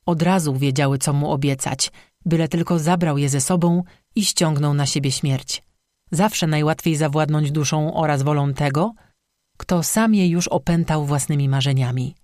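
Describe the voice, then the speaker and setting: A narrator voicing a stern, gentle old woman shaman who speaks calmly and gravely, in audiobook dialogue. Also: low voice, moderate pace, no room sound, clean studio sound, natural voice. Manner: calm, grave, motherly admonishing.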